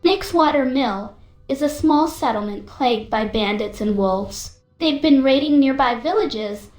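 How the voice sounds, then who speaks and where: Actress as a female townsfolk guide, fantasy game, earnest, slightly high voice, reverberant. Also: expressive, unhurried, a little mellow, faint music behind.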